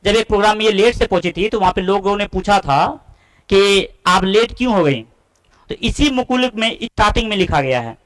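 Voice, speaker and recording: A man's voice: high voice, animated, brisk, a bit bright, poor audio. A man teaches a class. He quizzes his students and answers his own questions. He repeats the key points again and again. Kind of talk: classroom-style lesson explanation.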